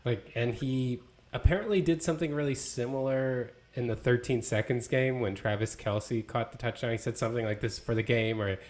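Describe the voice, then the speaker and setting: A man's voice: medium pitch, brisk, a little mellow. A man co-hosting a casual sports podcast, talking in a loose, conversational way full of fillers and restarts. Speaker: podcast co-host.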